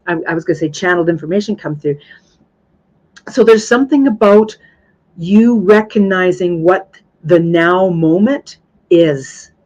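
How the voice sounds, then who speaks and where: Speaking at a measured pace, this woman in her thirties has a low, darkish voice. As host of a live spiritual Q&A, she pours out earnest, effusive words and repeats lines for emphasis.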